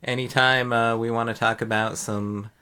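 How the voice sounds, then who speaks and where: A man hosting a casual podcast, asking long, rambling questions in a relaxed way. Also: medium pitch, normal speed, clear, resonant tone. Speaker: podcast host.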